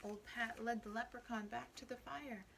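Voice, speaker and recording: A woman teacher reading a storybook aloud to young children, expressive and asking them questions. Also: a little high, moderate pace, vocal fry, background noise. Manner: expressive, asks the listeners questions.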